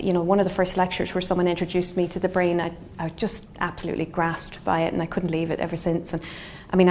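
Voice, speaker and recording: A middle-aged woman from Galway with a west of Ireland accent, a scientist giving an explanatory lecture in a thoughtful, halting, semi-conversational way. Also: fairly low pitch. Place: indoor wood-panelled lecture room. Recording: faint steady room noise.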